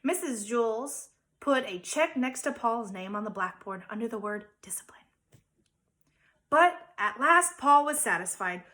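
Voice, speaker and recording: A woman teacher reading a children's chapter book aloud with expressive, animated storytelling. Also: a little high, a little slow. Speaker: third-grade teacher.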